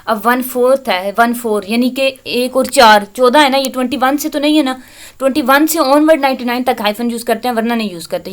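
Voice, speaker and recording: A woman teaching an English grammar lesson. She reads English example sentences slowly, then explains them briskly in Hindi-Urdu. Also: on the high side.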